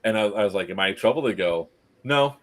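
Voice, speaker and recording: A man in casual conversation on a stream, telling an animated story, acting out quotes, laughing and swearing freely. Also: lowish voice, quick pace. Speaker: stream co-host.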